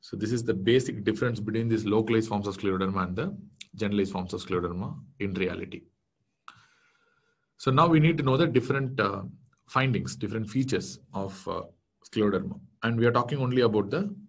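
A man in his thirties, a native Tamil speaker with an Indian English accent, gives a casual online medical exam-prep lecture from a small indoor room. His explanations are conversational, packed with fillers, restarts and self-corrections. He speaks briskly in a lowish voice.

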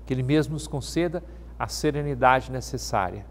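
A man with a Brazilian Portuguese accent reads a Gospel passage in a measured, solemn way, then gives a short homily. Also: mid-range voice, slight background noise. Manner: measured, solemn reading with a devotional tone. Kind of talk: scripture reading and short homily. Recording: long reverberant hall.

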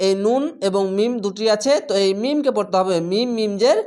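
A man teaching Quran reading step by step. He spells out each letter and vowel slowly, then blends them into the word. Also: high-pitched, darkish tone. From Bangladesh. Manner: drawn-out chanting on Arabic words.

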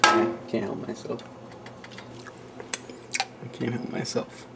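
Slow and creaky, a young man's medium-pitched voice stays fairly even as he hosts a casual home cooking demo in his small kitchen at night. He rambles offhand with plenty of fillers, captured by a close handheld camera mic in noisy home audio.

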